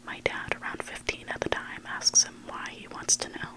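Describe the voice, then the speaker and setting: An ASMR storyteller reads online stories in a breathy, unvoiced whisper. The reading is hushed and deliberate, delivered in short phrases.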